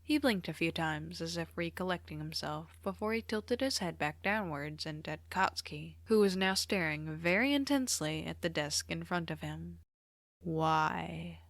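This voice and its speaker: A woman reading a fan story aloud at an even, unhurried pace. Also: low voice, dry recording. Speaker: podfic reader. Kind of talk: storybook narration.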